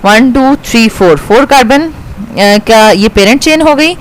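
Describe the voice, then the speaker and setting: A woman's voice: fairly high pitch, expressive, measured pace, slight background noise, poor audio. A woman chemistry teacher with a Pakistani accent, patiently explaining a reaction step by step and often checking in with her students. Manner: patient, repeats "ठीक है" to check understanding, mixes in English.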